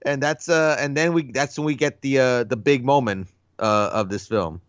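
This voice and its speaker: A man co-hosting a film podcast, relaxed and enthusiastic as he retells scenes and calls his partner "bro." His voice is mid-pitched and recorded dry, with no room sound. The audio is a touch dull and lo-fi. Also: normal speed, clean tone, no echo. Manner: laid-back, enthusiastic, says "bro". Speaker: podcast co-host. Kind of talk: casual film discussion.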